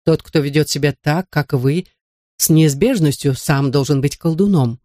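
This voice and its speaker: A narrator voicing a calm, powerful enchanter who is polite, unhurried and gently mocking, in a storybook reading. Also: mid-range voice, no echo, clean studio sound, natural voice. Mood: courteous. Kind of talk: audiobook character voice.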